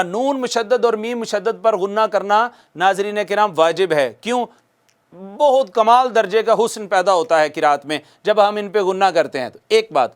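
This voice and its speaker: In a recorded lesson, a man with a high-pitched voice teaches the rules of Quran recitation. He poses questions and answers them himself, goes over key points more than once, and demonstrates nasal sounds aloud.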